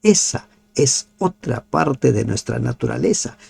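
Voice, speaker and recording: A man giving a devotional Bible commentary, asking his listeners rhetorical questions and dropping to soft, nearly whispered pleas. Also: medium pitch, animated, unhurried, creaky, slightly rough. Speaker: Bible teacher.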